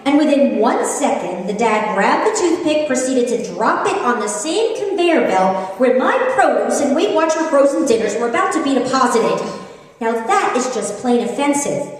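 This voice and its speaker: Heard through a distant microphone in a very echoey room, a middle-aged woman with an American accent performs an author reading. Her tone is chatty and lively, suited to humorous storytelling, with medium pitch and a normal pace.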